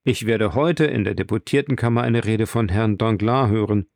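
A man's voice: lowish voice, normal speed, creaky, a little mellow, dry recording, studio quality. A man voicing a nonchalant, ironic young government official in a read-aloud novel. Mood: offhand. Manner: offhand, ironic.

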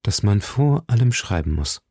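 A man's voice: lowish voice, big pitch swings, normal speed, a little mellow, husky, dry recording, clean studio sound, full character voice. A man reading an audiobook and voicing a grave, reserved older musketeer.

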